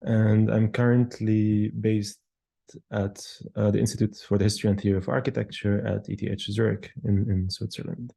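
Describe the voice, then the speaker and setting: A man in his thirties from Palestine, an architectural historian, answering interview questions in a thoughtful, measured way with frequent pauses and fillers. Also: on the low side, level tone, creaky, dark tone, husky. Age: 30s.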